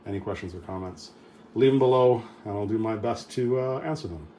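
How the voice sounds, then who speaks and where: A man's voice: on the low side, brisk, dark tone, a little hiss or hum. A middle-aged man hosting a casual vlog update, rambling with many fillers and restarts. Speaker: firearms channel host.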